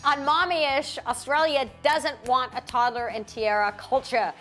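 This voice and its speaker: A woman's voice: high-pitched, a little slow, a bit bright, soft background music. A woman co-hosting a casual entertainment chat, chatty, blunt and joking, laughing often. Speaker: co-host.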